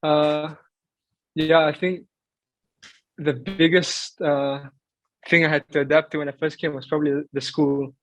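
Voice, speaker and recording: A man's voice: fairly high pitch, level tone, a little slow, pauses often, fairly bright tone, dry recording, low-quality recording. A young man who grew up in Greece answering interview questions in a thoughtful, hesitant way, with many fillers. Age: young adult. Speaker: footballer guest.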